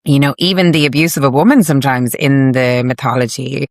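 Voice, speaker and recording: An Irish woman hosting a casual, reflective interview in a gentle, affirming and slightly tentative way. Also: a bass voice, steady tone, a little fast, dry recording, studio quality. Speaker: interviewer, podcast host.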